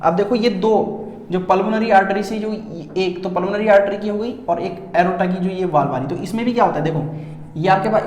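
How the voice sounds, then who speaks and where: A man teaching a lesson to students, asking rhetorical questions while he draws and repeating key words. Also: sits high. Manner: calls students "beta" and often says "theek hai". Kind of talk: classroom-style lesson. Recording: echoey room with faint ambience.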